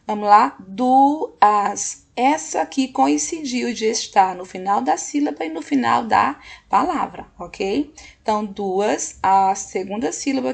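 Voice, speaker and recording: A woman teaches a recorded lesson in a patient, unhurried way, checking in with her students as she goes. Her voice is strongly gravelly with a husky, breathy edge. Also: on the high side. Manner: patient, slow, often checks in with "ok?".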